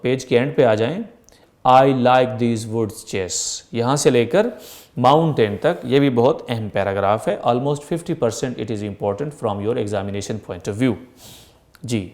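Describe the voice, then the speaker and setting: A man's voice: mid-range voice, darkish tone. A man teaching a textbook lesson, reading English lines aloud and then explaining them in Urdu. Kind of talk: line-by-line textbook translation lesson.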